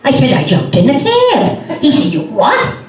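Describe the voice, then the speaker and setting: Slow, lively-pitched woman doing stand-up. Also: crowd noise. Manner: folksy anecdotes acted out in quoted dialogue. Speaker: stand-up comedian. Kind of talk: stand-up storytelling. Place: comedy club stage before an audience. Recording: roomy sound from a distant mic.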